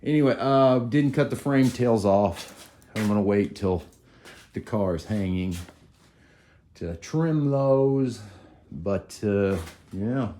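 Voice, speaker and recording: Slow, low-voiced nervous man. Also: warm tone, slight background noise. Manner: nervous, self-deprecating chat. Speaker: shop owner and video host. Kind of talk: casual vlog talk to camera. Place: tidied-up shop.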